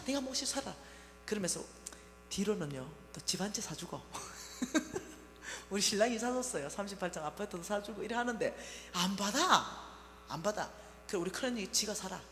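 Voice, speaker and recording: A woman's voice: mid-range voice, fairly bright tone. A woman giving an emotional sermon testimony, acting out both sides of a family quarrel. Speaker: church speaker giving a testimony. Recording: echoey hall with faint hum.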